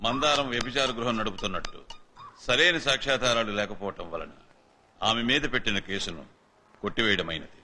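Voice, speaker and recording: A middle-aged actor playing an authoritative, pragmatic judge. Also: male voice, lowish voice, brisk, sharp tone, slight background noise. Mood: stern. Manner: authoritative, advising. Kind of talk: film dialogue. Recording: film soundtrack with music.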